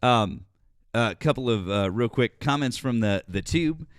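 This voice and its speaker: A man's voice: medium pitch, lively intonation, a little slow, no echo, clean studio sound. A man hosting a live stream, chatting casually and often repeating words as he searches for them. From northeastern United States.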